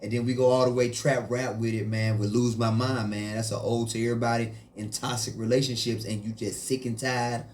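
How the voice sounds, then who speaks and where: A man's voice: medium pitch, little pitch movement, brisk, few pauses, a little mellow, slight background noise. A man who grew up in Haiti, a musician guest chatting casually in an interview in a laid-back way, often saying "you know" and "man".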